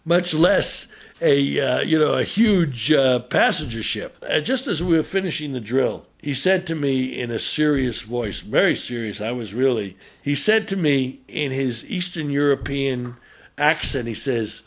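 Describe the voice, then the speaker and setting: Guy at an average pitch giving a talk, ship doctor story, kinda halting, lots of uhs. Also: animated. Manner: measured, with frequent "uh" pauses. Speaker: ship's doctor telling a story. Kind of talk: spoken talk with anecdote.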